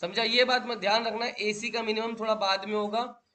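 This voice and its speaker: A man's voice: high-pitched, steady tone, fairly quick, pushed and bright. A male teacher lecturing a class, drilling students with repeated questions and calling them beta.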